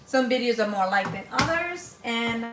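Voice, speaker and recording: Cooking live in her home kitchen, a chatty Dominican host in her forties talks to viewers in a fairly high voice with lively intonation and a moderate pace. The sound is roomy and the background noise heavy.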